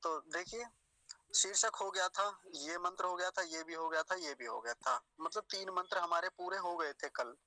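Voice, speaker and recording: Male teacher, slightly high and sharp, breaks words into slow syllables and quizzes students. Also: low-quality recording. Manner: drills words slowly, syllable by syllable. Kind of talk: pronunciation lesson.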